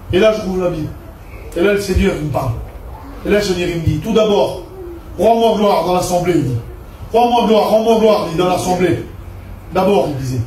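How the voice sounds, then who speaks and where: Fervent preacher, a man from southern France, high voice, church testimony caught by a distant mic. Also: darkish tone, a little hiss or hum. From Perpignan, southern France. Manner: fervent, storytelling with repeated "je dis". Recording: echoey room picked up from a distance.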